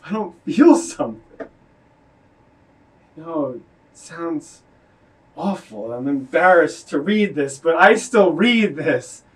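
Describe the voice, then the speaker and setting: Man, spoken word poet, high voice, earnest and confessional, live venue, heard from a distance. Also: animated, takes it slowly, pauses often.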